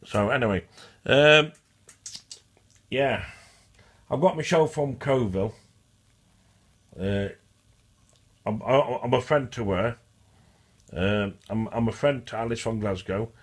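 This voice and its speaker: Husky and medium-pitched, a stuttering vlogger takes his time, leaving long pauses in a meandering monologue to camera. It's casual and repetitive, with phrases restarted and said again.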